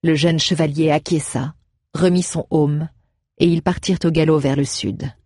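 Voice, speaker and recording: A man reading a fantasy novel aloud in steady, measured narration. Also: fairly high pitch, dry recording, studio quality. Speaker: audiobook narrator. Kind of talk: audiobook narration.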